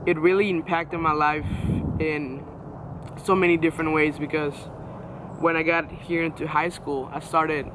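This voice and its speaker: Sharing his faith journey informally as a guest, the nineteen-year-old from Venezuela talks in a voice on the high side over background noise. His Venezuelan Spanish accent marks him as a native speaker, and his account is full of fillers and false starts.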